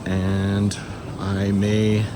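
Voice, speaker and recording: A man with a fairly low voice talks casually to his audience as a hiking vlogger. He is plain-spoken, commenting on trail and gear while out hiking in the snow. The recording is outdoors, with light ambient noise around his voice. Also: completely flat delivery, very slow. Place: outdoors on a snowy mountain trail.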